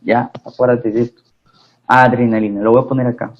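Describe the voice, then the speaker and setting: A Peruvian man at a middle pitch teaches a pharmacy course. He talks in loose, repetitive phrases and keeps checking in with his students. The sound is dull and lo-fi, like an online class recording. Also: little pitch movement, fairly quick. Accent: Peruvian Spanish. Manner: repeats phrases, asks the class questions.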